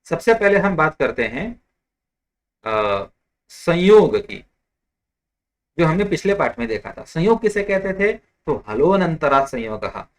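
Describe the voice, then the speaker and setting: A man teaching a Sanskrit grammar lesson in a patient, explanatory way, repeating examples slowly and stopping to correct small slips. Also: on the high side, sing-song. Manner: explanatory, slips and corrects himself, mixes English terms. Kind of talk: online lecture.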